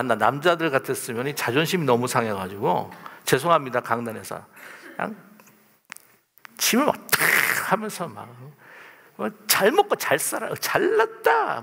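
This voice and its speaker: Gravelly male pastor preaching in a reverberant church. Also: medium pitch. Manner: lively, conversational preaching with questions to the congregation. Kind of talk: sermon. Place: church sanctuary, at the pulpit.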